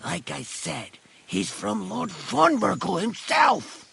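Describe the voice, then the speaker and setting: A man's voice: sits high, very animated, slow, sharp tone, full character voice. An actor playing an injured, blunt woodsman who is short of breath and barks orders in a video game. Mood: gruff. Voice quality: gravelly, raspy.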